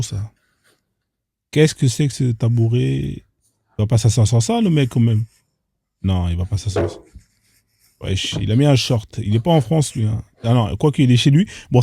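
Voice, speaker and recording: A man's voice: mid-range voice, normal speed, vocal fry, warm tone, slightly rough, dry recording. A man hosting casual reaction commentary on odd internet clips, incredulous and firing off rhetorical questions in street slang. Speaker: host reacting to social media clips.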